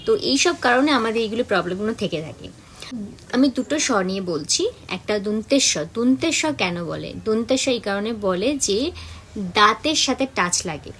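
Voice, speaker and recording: A woman's voice: on the high side, expressive, a little fast, fairly bright tone, a little hiss or hum. A woman, an acting coach giving a pronunciation lesson and repeating example words to show each sound.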